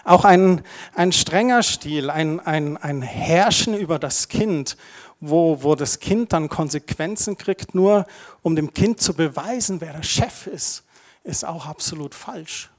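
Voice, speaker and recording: Casting: middle-aged man, pastor giving a chatty sermon, voice sits a bit high. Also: slow pace. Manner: conversational, asides with tag questions.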